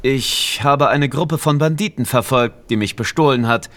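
A man's voice: mid-range voice, moderate pace, fairly bright tone, lightly acted. Man playing a bold, scheming adventurer. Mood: explaining. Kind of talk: storybook character voice.

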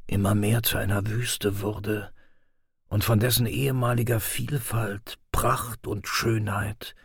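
A man reading audiobook excerpts as scripted narration, with a measured, grave storytelling delivery. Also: on the low side, flat delivery, creaky, breathy edge, dry recording, clean studio sound.

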